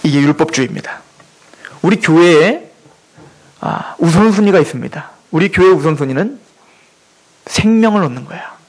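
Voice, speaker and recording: A man's voice: fairly high pitch, expressive, moderate pace, pauses often, rough recording. A male pastor preaching a sermon in church, emphatic and full of rhetorical questions.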